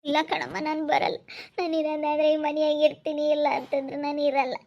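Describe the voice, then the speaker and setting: A woman acting out a desperate young wife in a homemade village drama, weeping as she talks in a rural Chitradurga Kannada accent. Her voice sits high and keeps to a flat, narrow line. The recording is slightly muffled. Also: a little fast. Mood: tearful. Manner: weeping, breaking voice. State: crying. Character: young married woman, tearful, desperate, pleading.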